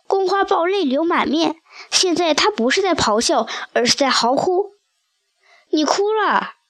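A woman reading a children's audiobook aloud in a lively storytelling manner. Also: extremely high pitch, moderate pace, dry recording. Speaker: audiobook reader.

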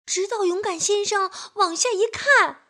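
A woman storyteller reading a picture book aloud to children, gentle and expressive. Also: extremely high pitch, measured pace.

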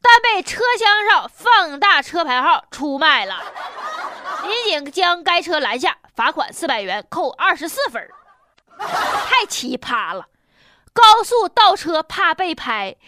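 Animated high-pitched woman with Northeastern Chinese accent. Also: unhurried. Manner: blunt, mocking, colloquial. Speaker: comedic news show host. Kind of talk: humorous news commentary with punchlines.

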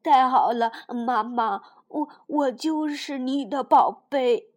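A woman's voice: high voice, slow pace. A woman voicing a crying, frightened little boy dinosaur who stammers through sobs. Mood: earnest. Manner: sobbing, stammering.

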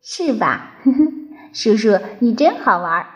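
A woman's voice: sing-song, takes it slowly. Woman doing a tearful little baby dinosaur. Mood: happy. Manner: high, childlike and tearful. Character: small crybaby baby dinosaur boy, sweet and sad. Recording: dull lo-fi recording.

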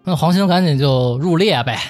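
A man's voice: a little high, normal speed, a little mellow, no echo, faint music behind. A man with a Beijing accent telling a history story in casual, colloquial style as host, acting out the characters' dialogue as he goes. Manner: acts out characters' dialogue as he narrates.

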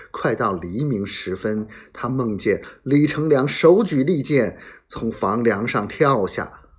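Slow, lively-pitched male storyteller. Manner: dramatic, voices sound effects in hushed whispers. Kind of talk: serialized historical novel reading.

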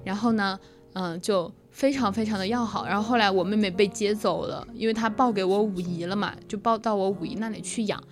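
A young woman co-hosting a casual chat stream, telling stories in a giggly, animated way with many restarts. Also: medium pitch, brisk. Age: young adult. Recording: music playing in the background.

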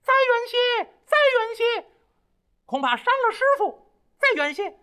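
A man voicing a mischievous, loud male monkey king with a high, shrill, shouting voice. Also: big pitch swings, measured pace, full character voice. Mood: eager.

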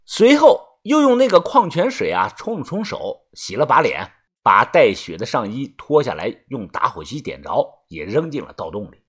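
A man narrating a serialized novel as an animated storyteller who stretches his filler particles. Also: mid-range voice, moderate pace, husky. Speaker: audiobook narrator.

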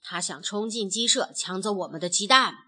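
A level-headed young hen from a storybook, explaining things patiently and keeping the others steady, as a woman voices her. the voice sits lower than the rest of the cast but stays bright. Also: fairly quick, husky. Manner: explaining, reassuring. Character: calm, sensible young hen.

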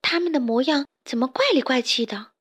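A woman's voice: high voice, fairly quick, breathy edge. A woman doing a stern little girl chick. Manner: stern, direct.

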